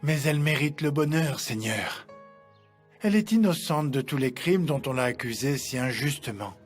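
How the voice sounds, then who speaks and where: Actor as a solemn older priest. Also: male voice, on the high side, expressive, normal speed, close to an everyday voice. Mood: prayerful, earnest. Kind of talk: dubbed telenovela drama acting. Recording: soft music behind.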